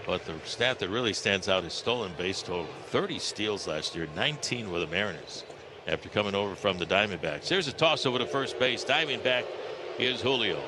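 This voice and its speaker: Describing the action live, an American man announces baseball play-by-play on the radio in a fairly low, animated voice at a slightly quick pace. Ballpark noise comes through clearly on the broadcast.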